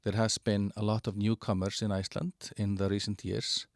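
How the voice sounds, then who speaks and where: Low, dry-sounding man presenting a platform. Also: little pitch movement, no room sound. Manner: halting, many fillers and restarts. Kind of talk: screen-share product walkthrough.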